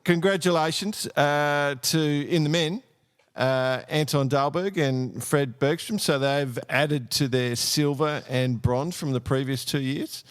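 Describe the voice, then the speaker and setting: A man's voice: on the high side, unhurried, clean tone. A man with an Australian accent hosting a podcast in a casual, chatty style. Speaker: podcast host. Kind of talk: casual chat.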